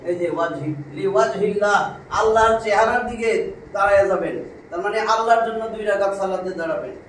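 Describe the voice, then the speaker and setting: A high-voiced man gives a religious lesson, repeating each term and explaining it word by word. He is recorded from a distance in a very echoey hall. Faint background noise is heard throughout. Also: quick pace, a bit bright. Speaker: religious teacher. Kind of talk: classroom Quran lesson.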